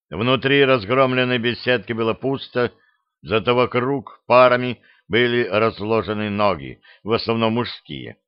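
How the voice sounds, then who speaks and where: A man narrates a story in a smooth, resonant, mid-pitched voice. He reads evenly and steadily. The recording is dry and slightly muffled. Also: no echo. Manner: even, storytelling. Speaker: audiobook narrator. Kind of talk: scripted narration.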